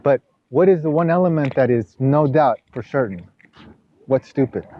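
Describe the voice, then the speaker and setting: A man's voice: lively intonation, moderate pace, a little hiss or hum. A man coaching a teenage player through drills, talking in rambling bursts with many restarts and rising sharply when he scolds. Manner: rises loud and high when scolding. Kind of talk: sports coaching session. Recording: dull lo-fi camera audio.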